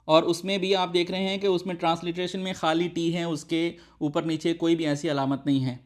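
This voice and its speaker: Male language tutor, higher voice, patient and repetitive, demonstrates sounds aloud. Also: little pitch movement. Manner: patient, often checks in with the learner; slowly demonstrates sounds, repeating them aloud. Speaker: Arabic teacher. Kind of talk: recorded language lesson.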